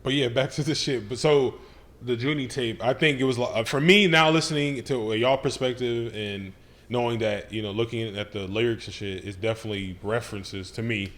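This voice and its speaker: A man co-hosting a casual podcast chat, relaxed and slangy, loudly disbelieving when surprised. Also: mid-range voice, fairly quick. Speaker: podcast co-host.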